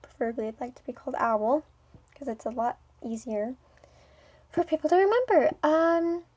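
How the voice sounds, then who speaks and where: A young woman with a speech impediment vlogs at a moderate pace, her slightly high voice sounding darkish with the highs cut off. She rambles hesitantly with many ums and restarts, moving between a businesslike smoothness and playfulness.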